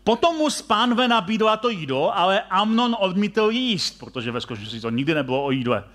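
A male preacher with a rather high voice tells a story in sermon form. He turns to his listeners with direct questions and often restarts or repeats his phrases as he goes. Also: very animated, a bit bright.

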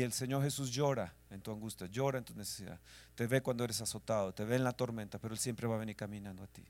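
In a mid-range voice, a man preaches as a pastor, his delivery swinging between soft whispers and loud shouts. At moments he breaks into song on lines of scripture.

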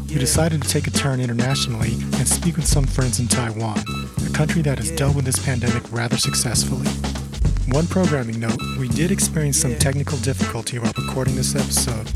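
A man of medium pitch reading a scripted podcast introduction as host.

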